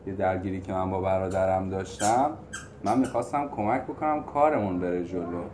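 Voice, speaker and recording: A man in a group meeting, sharing his view in a reflective, measured way and offering a personal example. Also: sits low, a little mellow, slight background noise. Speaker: group member.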